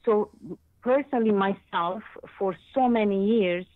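Over a thin, tinny phone connection, a caller from Lebanon in her fifties recounts something personal on a radio call-in, pausing hesitantly as she searches for the right words. She speaks unhurriedly at a medium pitch, with no echo.

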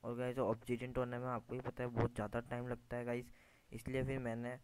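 This fast-talking gaming YouTuber has a clean, mid-range voice, though the recording is rough. He chats his way through gameplay, says "guys" nonstop, calls out to viewers and mutters at his errors, over the steady noise of a screen capture.

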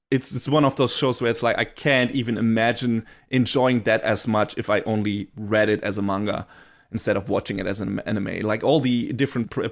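A man co-hosting a casual podcast, reviewing a show with eager, rambling talk full of restarts and fillers. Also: lowish voice. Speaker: podcast co-host reviewing anime.

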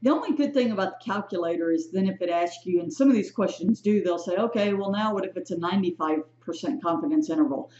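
A woman's voice: lowish voice, quick pace, few pauses, darkish tone. A woman teaching a statistics lesson in a chatty, self-correcting way, often checking in with "right?" and "okay?". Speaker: statistics instructor. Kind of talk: recorded lecture walkthrough. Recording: echoey, dull lo-fi room sound.

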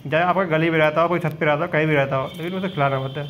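A man's voice: a little high, steady tone, rapid-fire, a bit bright, a little hiss or hum, rough recording. A man vlogging from his rooftop pigeon loft, chatting to viewers as he points out his birds, filmed on a handheld phone. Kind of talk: casual filmed walkthrough.

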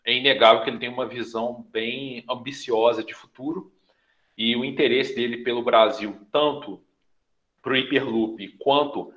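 A man's voice: medium pitch, fairly even intonation, normal speed, a bit bright, echoey room. A young man with a Brazilian Portuguese accent, giving a lecture on a video call with earbuds, explaining and often adding tag questions. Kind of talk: online lecture to students.

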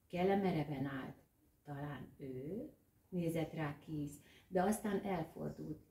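A woman reading a storybook aloud in a measured, expressive way. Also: lowish voice. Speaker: reader. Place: library room. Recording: roomy echo, distant mic.

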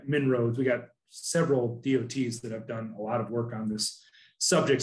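A man in his thirties speaking earnestly on a video call from an office, with many restarts and fillers. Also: mid-range voice. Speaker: panelist from an asphalt producer. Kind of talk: casual webinar discussion. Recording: roomy video call audio.

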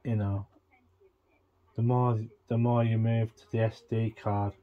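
A man vlogging a casual tech walkthrough, thinking aloud in a halting, rambling way. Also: lowish voice, little pitch movement, narrow, tinny audio.

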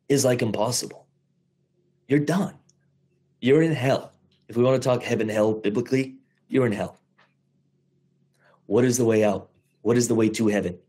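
A man in his thirties giving a motivational talk to investors, animated, swearing casually, speeding up and slowing down for emphasis. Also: mid-range voice, slightly rough. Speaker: host of investor mindset call.

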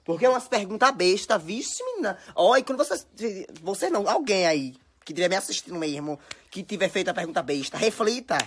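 In a slightly rough, mid-range voice that's expressive and a little fast, a young Bahian social media personality tells stories into her phone at home. Her Bahian Brazilian Portuguese accent carries dramatic scolding and chatter in a casual monologue.

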